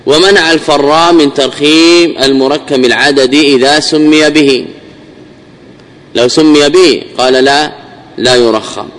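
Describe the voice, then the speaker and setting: A sheikh leads a classical Arabic grammar lesson, repeating phrases and examples and answering his own questions. His fairly bright voice moves at normal speed with fairly even intonation, dropping low at the close of phrases, and the audio is poor.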